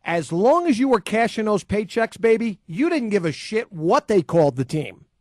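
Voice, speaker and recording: A fairly high-voiced man hosts sports talk radio and rants with combative, sarcastic emphasis. His studio mic sounds dry and close, with no room around it. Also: big pitch swings, moderate pace, dry recording. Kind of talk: opinionated talk radio rant. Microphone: studio microphone.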